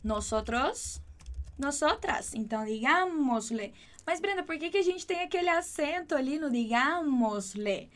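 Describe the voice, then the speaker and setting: A woman teaching Spanish, explaining patiently and repeating words slowly and clearly. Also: high-pitched, animated. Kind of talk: online language lesson.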